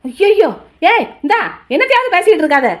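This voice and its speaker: A woman's voice: very high voice, very animated, quick pace. A woman voicing a defensive, quarrelsome young adult brother in a cartoon. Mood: argumentative. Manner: argumentative, defensive.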